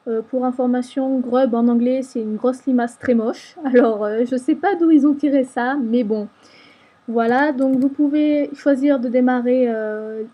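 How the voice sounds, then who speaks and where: Woman voice-over for a screen tutorial, high and husky, patient walkthrough, dull lo-fi mic. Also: warm tone. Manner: patient step-by-step explaining. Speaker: tutorial maker. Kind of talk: screen-recorded software tutorial.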